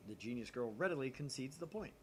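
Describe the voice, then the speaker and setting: A man co-hosts a visual novel playthrough, moving between casual chat and animated narration of the game's text. He talks fast in a mid-range voice, with slight background noise.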